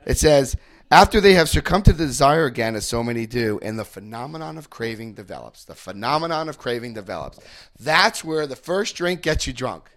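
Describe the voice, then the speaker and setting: A man from New Jersey with a New Jersey accent leads a recovery workshop through a book, joking, telling stories, and often checking in with the group. His mid-range voice is animated, fairly quick, and fairly bright in tone.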